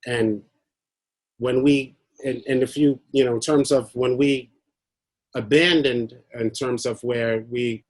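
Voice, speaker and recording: Man from Haiti, guest speaker on a video call; hesitant, filler-heavy, mid-pitched. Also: fairly even intonation, slow pace, no echo. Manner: hesitant, many fillers, a little nervous. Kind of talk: prepared talk on a video call.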